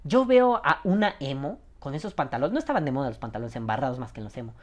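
A man's voice: mid-range voice, quick pace. A man in his thirties with a Mexican accent, a show host ranting casually and profanely, often imitating other people. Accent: Mexican Spanish. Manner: profane, animated, mimics other people's voices. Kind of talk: casual rant monologue.

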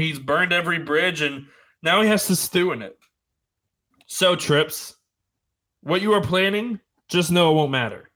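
A man's voice: on the high side, fairly bright tone. A man voicing a defiant adult male wrestler cutting a brash, taunting promo.

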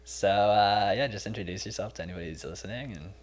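Young guy hosting a podcast, low voice, talks fast. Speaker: podcast host. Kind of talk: casual interview.

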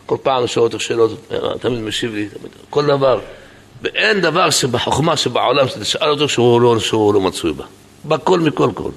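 Husky rabbi preaching with animated outbursts. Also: male voice, mid-range voice. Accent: Israeli Hebrew. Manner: animated, shouting repeated words, acting out dialogue. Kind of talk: sermon. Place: synagogue hall with congregation.

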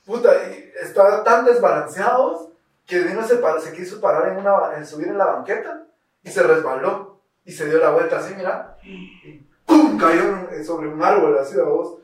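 High-voiced man with slangy chat. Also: moderate pace. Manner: slangy, laughs a lot, tags lines with "¿va vos?". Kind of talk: casual storytelling chat. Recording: echoey room, mic far off.

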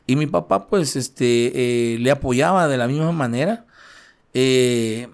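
A man with a Central American Spanish accent, a guest recounting his life story in an interview, talking haltingly with many fillers and tag questions. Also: medium pitch, creaky. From Guatemala, raised in El Salvador. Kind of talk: personal testimony in an interview.

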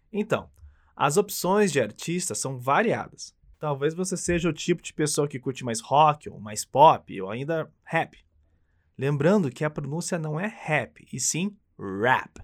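Speaking at normal speed in a slightly high, animated voice, this teacher with a Brazilian Portuguese accent leads a cheerful English lesson. He guides the listener through phrases to repeat.

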